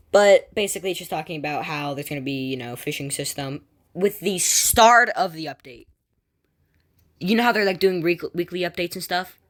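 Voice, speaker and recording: A woman hosting a gaming channel, reading game news aloud and breaking off into rambling, excitable asides full of restarts and filler words. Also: low voice. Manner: excitable, jumps between reading and personal asides.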